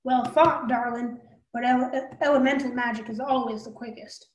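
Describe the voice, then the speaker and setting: A woman's voice: a little high, steady tone, moderate pace, lightly acted. A woman voicing a cocky, cruel male cowboy magician with a southern drawl, in an echoey room. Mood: taunting.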